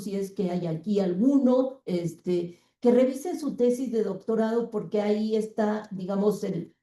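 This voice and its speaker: A woman, an anthropologist and seminar moderator, speaking in slow, measured comments. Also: mid-range voice, dark tone. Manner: slow, measured, praising remarks. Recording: roomy audio from far off the mic.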